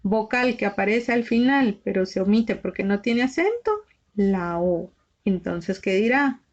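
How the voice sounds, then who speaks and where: A woman's voice: mid-range voice, animated, measured pace, a little mellow. A woman teaching a shorthand lesson, patiently spelling out letters one by one. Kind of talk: slow step-by-step lesson. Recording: slightly dull lo-fi recording.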